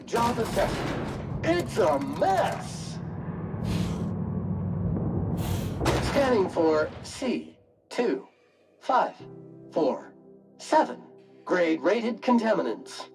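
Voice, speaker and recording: Cleaning robot for a game, computer-processing robotic voice, slow gravelly readouts, clipped and mechanical. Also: medium pitch, sing-song, over loud music, full character voice. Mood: scanning. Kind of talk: video game dialogue.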